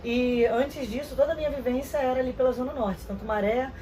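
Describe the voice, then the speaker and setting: A woman, giving earnest, measured interview answers with some hesitant restarts. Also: sits high, dark tone, slight background noise, poor audio. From Rio de Janeiro, Brazil. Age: 30s. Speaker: interview guest.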